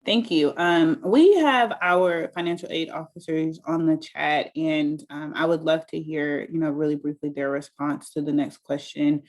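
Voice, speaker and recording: Moderator, friendly, lots of ums, medium pitch, video call. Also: steady tone, moderate pace, few pauses. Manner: friendly, filler-heavy. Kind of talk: reading audience questions.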